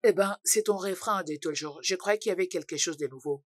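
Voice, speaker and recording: An actress dubbing a brazen, self-assured young mistress in a drama, speaking flippantly. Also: female voice, lowish voice, fast talker, dry recording, clean studio sound, lightly acted. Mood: teasing. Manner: flippant, bold. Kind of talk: dubbed drama dialogue.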